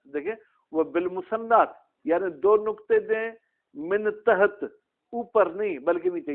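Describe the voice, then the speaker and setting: A male religious teacher giving a classroom lesson, asking his students questions by name. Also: high voice. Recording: tinny phone-like sound.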